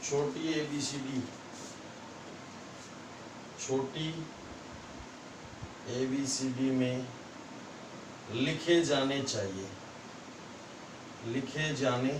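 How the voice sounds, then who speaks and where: A man with a Rajasthani Hindi accent teaching a school science class, explaining slowly and repeating points for the students. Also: medium pitch, background noise. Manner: slow, repetitive explaining to students. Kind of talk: classroom lesson. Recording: echoey room, mic far off.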